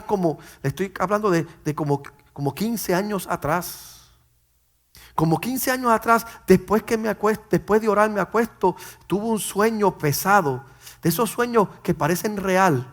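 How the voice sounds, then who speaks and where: A middle-aged man, a pastor, telling a personal story in an emotional way and often repeating words. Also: sits high. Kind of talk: personal testimony.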